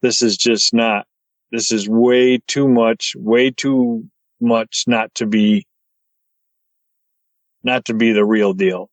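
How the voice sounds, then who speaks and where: A man telling his story as a podcast guest, excited and stumbling over his words as he gets wound up. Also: medium pitch, slow pace, long pauses, no room sound, low-quality recording.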